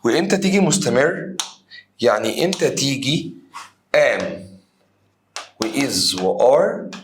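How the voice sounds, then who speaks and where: A young man with an Egyptian Arabic accent giving an exam review lesson, lively and repetitive, drilling students to chant key terms back to him. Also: medium pitch, takes it slowly, noisy background. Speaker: English teacher.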